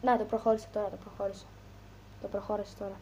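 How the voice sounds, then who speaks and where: A woman's voice: medium pitch, flat delivery, darkish tone, a little hiss or hum. A woman casually commentating on her gameplay with a mocking, joking running commentary. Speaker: gamer. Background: game sounds.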